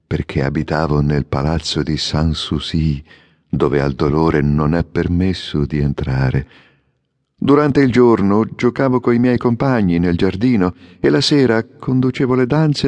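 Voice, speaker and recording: A man's voice: low-pitched, animated, darkish tone, no room sound. A man as a solemn, sorrowful statue prince. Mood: melancholy. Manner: solemn, measured. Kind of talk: audiobook character reading.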